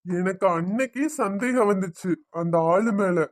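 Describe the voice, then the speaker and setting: A woman plays a protective middle-aged father in a family cartoon, stern and threatening. The voice sits at a middle pitch, and the recording is close and dry. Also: unhurried, no echo, natural voice. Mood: furious.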